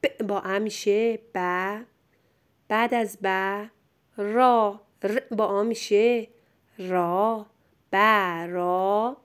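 A woman teacher gives young pupils a dictation lesson, patiently and encouragingly sounding out words slowly, syllable by syllable. Her voice is mid-range with a flat delivery.

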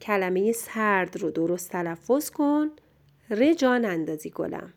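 A woman teacher giving a dictation lesson to young pupils, sounding out words slowly syllable by syllable in a patient, encouraging way. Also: mid-range voice, lively intonation, gravelly.

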